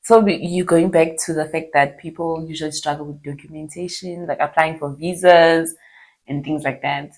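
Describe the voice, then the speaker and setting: Low-voiced woman chatting. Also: fairly even intonation, moderate pace, a little mellow, low-quality recording. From southern Africa. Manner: gropes for words, lots of fillers. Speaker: podcast co-host. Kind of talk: casual chat.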